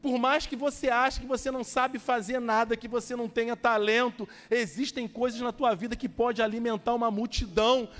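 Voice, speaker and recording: A man's voice: extremely high pitch, flat delivery, brisk, few pauses, fairly bright tone, in a large hall. A man preaching as a pastor, telling stories with acted-out dialogue and urging his listeners on. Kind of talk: sermon.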